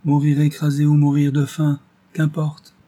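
A man voicing a gentle young blind woman piano teacher who speaks softly and apologetically. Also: medium pitch, normal speed, husky, voice pushed up, lightly acted. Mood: apologetic. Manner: soft, apologetic.

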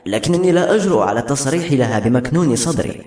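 A man reading the lines of a poor young knight, earnest and halting, in an audiobook. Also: medium pitch, animated, darkish tone, voice pushed up, natural voice. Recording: roomy with faint music.

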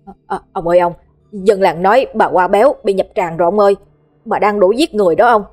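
A woman voicing a jittery young male servant who stammers and rushes his words. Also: mid-range voice, expressive, darkish tone, faint music behind, close to an everyday voice. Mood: panicked. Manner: hurried, stammering.

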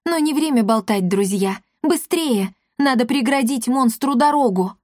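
A woman voicing a brisk, commanding lady. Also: sits high, expressive, darkish tone, no room sound, studio quality, voice pushed up. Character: brisk decisive woman leader.

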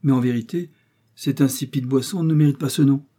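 Man reading as kindly old squire, mellow, slightly husky, audiobook. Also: medium pitch, brisk, voice pushed up, close to an everyday voice. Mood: doting. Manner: warm, doting. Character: fond old English country gentleman.

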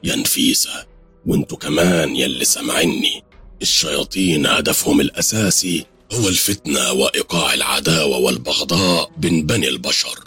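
A man with an Egyptian accent voicing a wise, stern old village sheikh who speaks slowly and preaches. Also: a bass voice, fairly bright tone, slightly rough, exaggerated voice. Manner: slow, preaching.

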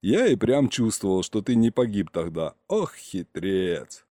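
A man voicing a gruff, low-voiced uncle who hisses and bellows threats in a storybook reading. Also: big pitch swings, unhurried, dark tone, no echo, studio quality. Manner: hissing, snapping, bellowing threats.

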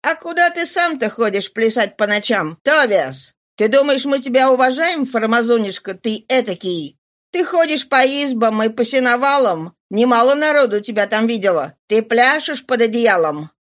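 An audiobook reader voicing a defiant, brash male worker who taunts his master loudly. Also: medium pitch, animated, moderate pace, voice pushed up, lightly acted. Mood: mocking. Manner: jeering, loud, taunting. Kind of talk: audiobook character voice.

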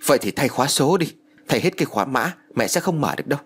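A man's voice: mid-range voice, very animated, quick pace, fairly bright tone, breathy edge, pitched above the performer's own voice, full character voice. Man doing a scolding older brother, curt and stern. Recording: music bed under voice.

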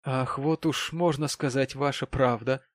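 A man's voice: mid-range voice, fairly even intonation, unhurried, no echo, clean studio sound, pitched above the performer's own voice, lightly acted. A man voicing a fussy, flustered middle-aged landlady who keeps exclaiming in an audiobook. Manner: exclaiming, fluttery.

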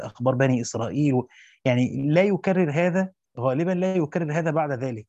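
A man with a slightly high but dark, mellow voice reads classical text at a brisk clip, breaking off into loose colloquial explanations. The sound is dry and somewhat dull, with no room around it. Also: dry recording. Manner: reads quickly in classical Arabic, then breaks into colloquial asides with restarts. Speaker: teacher reading through a Quran commentary. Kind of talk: reading a classical text aloud with spoken asides.

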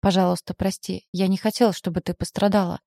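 A woman's voice: medium pitch, little pitch movement, brisk, creaky, warm tone, no echo, studio quality, close to an everyday voice. A woman voicing a pleading remorseful boss. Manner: anxious, coaxing.

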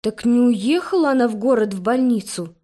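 A spirited young village witch speaks in a light, higher voice, wheedling sweetly and then snapping orders, as a woman narrator puts her on. She is stubborn and quick-tempered in this storybook tale. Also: dark tone, close to an everyday voice. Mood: lively. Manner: coaxing, then commanding.

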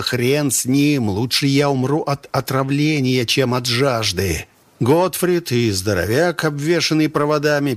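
A man reading a first-person audiobook in a wry, sardonic manner. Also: on the low side. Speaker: audiobook narrator.

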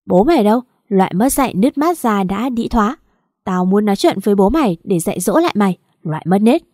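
A woman voicing a wealthy woman in her forties who shouts, curses and scolds scornfully in an audio story. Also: mid-range voice, expressive, brisk, dry recording, clean studio sound, natural voice. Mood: scolding. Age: 40s. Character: shrill furious wealthy older woman.

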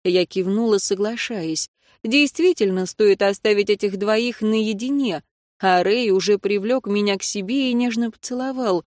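Fields: Sex: woman. Style: first-person audiobook narration. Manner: expressive. Pitch: middling. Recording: dry and close. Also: moderate pace, dry recording. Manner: expressive storytelling.

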